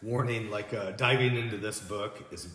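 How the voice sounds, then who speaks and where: A man's voice: lowish voice, fairly even intonation, normal speed, fairly bright tone, slight background noise. A man who is a church guest, thoughtful in conversation and often agreeing. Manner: reflective, agreeable, backchannels often. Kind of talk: casual faith chat. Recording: roomy, echoey room.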